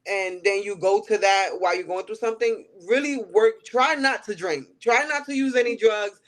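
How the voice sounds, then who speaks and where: Her voice is mid-range and her pace moderate. This podcast guest, a New Yorker by accent in her late thirties, answers frankly and leans on repeated phrases to drive points home.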